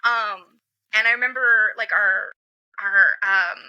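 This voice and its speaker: Speaking slowly in a medium-pitched voice, this woman is a comics industry guest in a relaxed interview. Her work anecdotes come with lots of "like" and "um" and lively impressions of the people she quotes. The sound is lo-fi with no echo.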